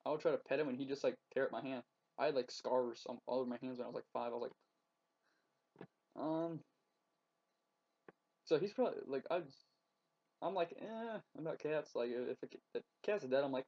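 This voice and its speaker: A teenage boy chats into his laptop webcam at home, his voice sitting at an ordinary middle pitch. He rambles and stalls, filling gaps with ums and likes. The lo-fi laptop audio sounds a little dull and muffled. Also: darkish tone. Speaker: vlogger. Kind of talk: casual webcam vlog. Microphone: laptop webcam mic.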